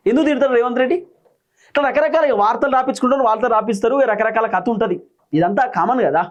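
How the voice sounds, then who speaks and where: A man's voice: extremely high pitch, quick pace. A man with a Telangana Telugu accent giving solo political commentary, firing off rhetorical questions and listing grievances one after another. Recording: dull lo-fi sound.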